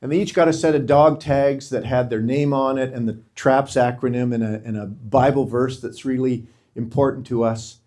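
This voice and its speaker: A man's voice: medium pitch, steady tone, moderate pace, a little mellow. A middle-aged man giving an earnest, inspirational talk to a group of men, speaking with a preacher-like, emphatic cadence. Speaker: speaker at a men's gathering.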